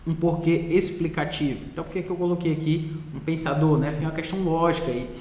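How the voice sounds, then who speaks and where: A Brazilian man teaching a Greek lesson in a Portuguese classroom style, patient and repeating words slowly while writing on a board. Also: a little high, steady tone, a little mellow, slight background noise. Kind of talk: classroom lecture. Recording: roomy hall echo.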